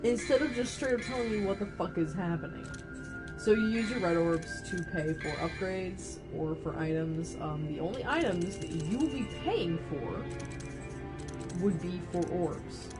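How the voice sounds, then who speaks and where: A woman's voice: lowish voice, normal speed. A woman giving casual let's-play commentary in a sweary, sardonic, irreverent way. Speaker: gaming commentator. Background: game music.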